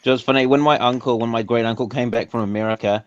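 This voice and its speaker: A man's voice: mid-range voice, steady tone, fast. A man with a broad New Zealand accent chatting casually on an internet group call. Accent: broad Kiwi New Zealand. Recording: slightly dull online call audio.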